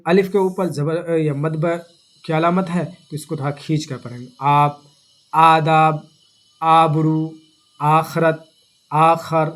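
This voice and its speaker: A man teaches a grammar lesson in a slightly raised voice. He keeps asking his listeners questions, then answers them himself, going over each term again. He draws out example words slowly so the sounds can be heard. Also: a little high. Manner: asks questions and answers them himself, repeating key terms. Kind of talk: classroom-style grammar lesson.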